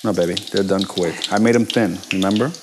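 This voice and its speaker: A man's voice: deep voice, quick pace, noisy background. Upbeat man hosting a live cooking show. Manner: upbeat, chatty, calls his partner baby. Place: home kitchen, indoors.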